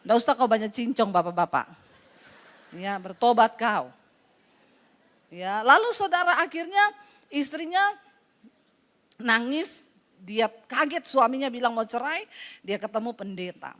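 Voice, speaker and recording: A woman's voice: a little high, unhurried, long pauses. A woman pastor preaching, telling a story with humor and acting out voices, teasing her listeners. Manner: lively storytelling, acts out dialogue with voice shifts; teasing, humorous asides to the congregation. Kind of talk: sermon.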